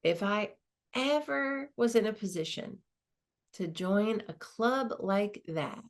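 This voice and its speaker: An actress plays a modest woman who is a law school dean, speaking in a mid-range voice at a slow pace. Her monologue is reflective and conversational, dotted with small hesitations, as she candidly reminisces in this dramatized narrative.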